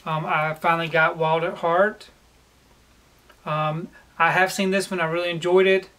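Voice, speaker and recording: Higher-voiced man showing off a haul. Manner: relaxed and plain, with frequent "um" pauses. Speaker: collector vlogger. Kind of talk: casual haul video. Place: home room lined with disc shelves, indoors.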